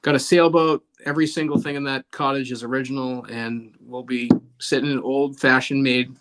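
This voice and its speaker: A man with a Boston accent who talks fast and slurs his words, hosting a casual live-stream chat. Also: mid-range voice, steady tone, fairly bright tone.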